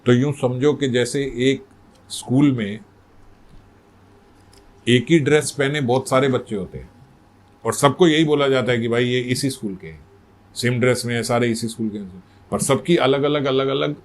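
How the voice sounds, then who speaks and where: A man's voice: medium pitch, unhurried, pauses often. A man telling a religious story in a sermon, conversational and full of rhetorical questions. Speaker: spiritual storyteller.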